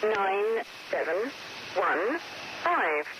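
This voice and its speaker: A woman reading out digits in a numbers station monotone, played as a broadcast clip. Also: medium pitch, rough recording. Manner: reads digits slowly in a flat recited monotone.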